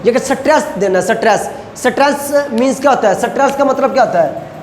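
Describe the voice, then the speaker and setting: A man teaching a language lecture, explaining slowly and repeating each point as he models pronunciations. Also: very high voice, reverberant, big-room sound, a little hiss or hum. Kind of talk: recorded classroom lecture.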